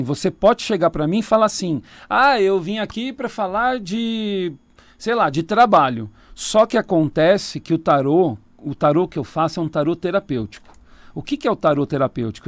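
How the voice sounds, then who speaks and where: A tarot reader with a Brazilian Portuguese accent gives a casual radio interview from the studio, laughing easily and explaining at length. His fairly high voice is sing-song and a little fast, in a dry recording.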